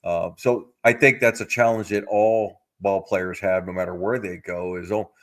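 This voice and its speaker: A middle-aged man co-hosting a baseball podcast, talking in a measured, hedging way full of "you know"s. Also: deep voice, steady tone, fairly bright tone. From United States. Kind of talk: casual sports chat.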